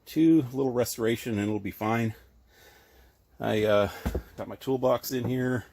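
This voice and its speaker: A man touring his tiny workshop as a hobby woodworker talks in a medium-pitched, slightly mellow voice at an unhurried pace. He's outdoors at an RV park among trees, filmed on a handheld camera, and a little out of breath as he chats and rambles with frequent ums and self-corrections.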